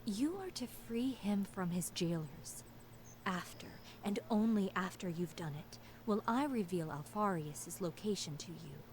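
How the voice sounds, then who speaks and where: Woman doing a mystical seer for a game, slow fortune teller prophecy voice, cryptic n solemn, bit of background noise. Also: mid-range voice, lively intonation, darkish tone, close to an everyday voice. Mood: cryptic, measured. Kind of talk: dramatic game voice acting.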